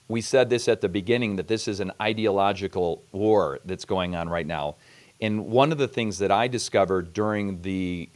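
A man's voice: low voice, a little mellow. A man hosting a podcast interview, talking in a reflective, conversational way before asking his guest a question. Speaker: podcast host.

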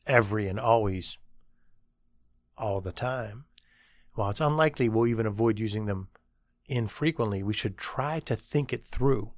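A man's voice: mid-range voice, no echo, clean studio sound. A middle-aged man hosting a podcast, telling a story in a casual, conversational way, with fillers and asides. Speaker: podcast host and agency CEO.

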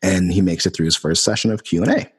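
A man's voice: low-pitched, fast talker, breathy edge, big-room sound. A man in casual podcast conversation, telling a story animatedly, laughing and swearing casually.

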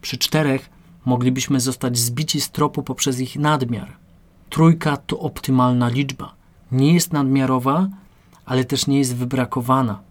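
A man reads a lesson on rhetoric aloud as scripted audiobook narration. His pitch sits in the middle of the usual male range, and his delivery stays measured and explanatory. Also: fairly even intonation.

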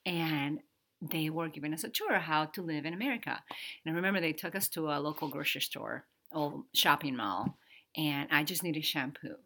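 A Dominican woman in her thirties cohosts a casual podcast, speaking English with a Dominican Spanish accent. Her low voice has a sharp tone, and she sounds hesitant, pausing to find words and laughing often.

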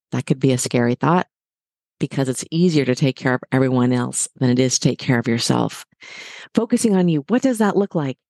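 Middle-aged woman from the US, fitness guest; low mellow voice, dry close sound, upbeat coaching tone. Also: dry recording. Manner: encouraging, direct to listeners. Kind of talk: motivational podcast talk.

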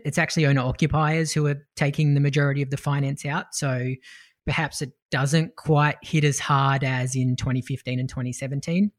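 A man with a medium-pitched voice co-hosts a finance podcast. He gives analytical market commentary in a conversational style, working through his reasoning step by step. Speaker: podcast co-host.

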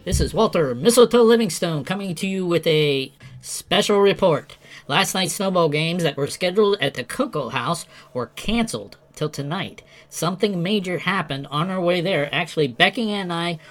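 A man's voice: high-pitched, lively intonation, moderate pace. A man playing a folksy news anchor. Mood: announcing. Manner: newsreader cadence with casual asides. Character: male radio news anchor, earnest and folksy.

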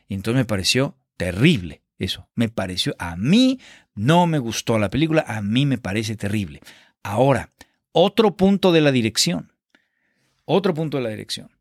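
A man's voice: medium pitch, no room sound, clean studio sound. A man giving a casual, exasperated and sarcastic spoken film review. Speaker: film critic.

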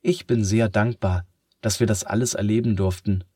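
A man voicing an eager, caring young girl in a children's story, raising his voice high. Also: steady tone, moderate pace, breathy edge, dry recording, clean studio sound. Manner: bright, pleading, raised voice.

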